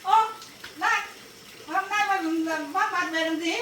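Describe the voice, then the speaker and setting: A woman's very high voice, at normal speed, scolds a daughter; she is acting as an angry rural mother in a family drama. Bursts of shouting break through. The audio sounds echoey and far away, with faint noise.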